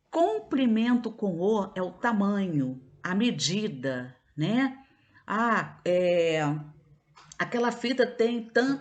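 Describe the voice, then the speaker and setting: Brief: female teacher, Brazilian Portuguese accent, slightly low pitch, patient explanatory delivery. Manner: patient, explanatory, frequent checks like "né?" and "tá?". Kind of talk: online classroom lesson.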